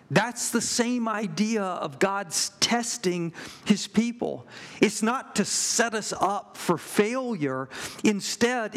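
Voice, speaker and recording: A middle-aged man preaching a sermon, earnest and measured, pausing and restarting now and then. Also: high voice, a bit bright. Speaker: pastor.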